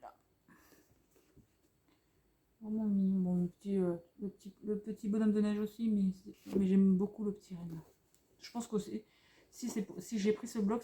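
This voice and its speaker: Chatty French woman with a mellow voice. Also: medium pitch. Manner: chatty and rambling, many fillers and restarts; softly gushing over cute items. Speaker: craft vlogger showing a haul. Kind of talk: casual haul commentary. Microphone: camera on a tripod.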